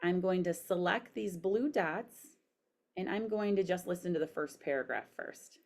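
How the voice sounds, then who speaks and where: A woman's voice: lowish voice, moderate pace. A woman giving an instructional demo, dictating sentences aloud in the manner of someone speaking for voice typing.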